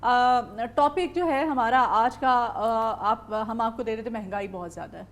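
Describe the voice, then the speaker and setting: A woman hosting a morning TV show, prompting a guest with lively questions. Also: fairly high pitch. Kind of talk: TV talk show interview.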